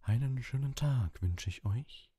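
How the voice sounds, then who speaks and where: A man voicing a dramatic older woman who teaches divination, speaking slowly and theatrically in an audiobook. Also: mid-range voice, warm tone, husky, no room sound, clean studio sound, pitched above the performer's own voice. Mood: solemn. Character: slow, mystic older female divination teacher.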